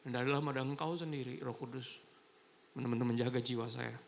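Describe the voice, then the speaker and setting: Fast-talking, gravelly-voiced male pastor. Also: mid-range voice, slight background noise. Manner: chatty and animated, acts out quoted voices. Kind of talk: casual storytelling sermon. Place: church service in a hotel ballroom.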